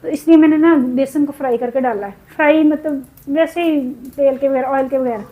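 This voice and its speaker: A woman from Pakistan chatting in a cooking vlog, upset and venting, her throat sore from shouting. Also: high-pitched, a little fast, poor audio. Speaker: cooking vlogger. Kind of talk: casual cooking vlog chat.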